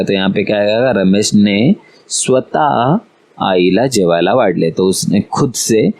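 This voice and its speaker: A man's voice: fairly low pitch, darkish tone. A male teacher, giving an online school lesson to children, patiently repeating words and quizzing his young pupils.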